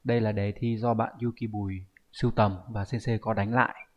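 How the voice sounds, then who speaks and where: A man's voice: on the low side, flat delivery, fairly quick, lo-fi sound. A man teaching an online lesson with a Vietnamese accent, explaining exam answers and often asking the viewers to confirm. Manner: explanatory, asks rhetorical checks often. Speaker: Japanese teacher.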